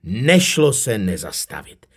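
A man's voice: lowish voice, sing-song, breathy edge. A man doing a cheerful little storybook elf. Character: small friendly male elf, chatty.

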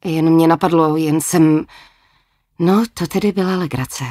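A woman's voice: deep voice, fairly even intonation, warm tone. A woman voicing an awkward young man who pleads with his ex-girlfriend in hesitant, stumbling phrases.

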